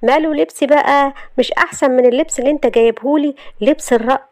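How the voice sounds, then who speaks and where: Brief: sassy, quick-tongued young wife, Egyptian accent, bright high voice, a woman reading her. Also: dry recording, clean studio sound. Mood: defiant. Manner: sassy, argumentative.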